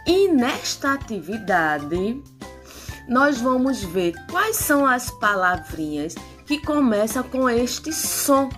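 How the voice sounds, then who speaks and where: A woman's voice: on the high side, soft background music. A woman teacher leading a phonics lesson for young children, stretching out syllables and coaxing them to answer. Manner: slow, drawn-out syllables, animated coaxing.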